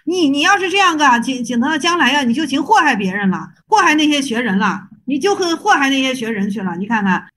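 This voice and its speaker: A woman teaches a class on Buddhist Chan texts with a high, bright voice. She reads the classical lines slowly and deliberately, then explains them in a relaxed, chatty tone. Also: slight background noise.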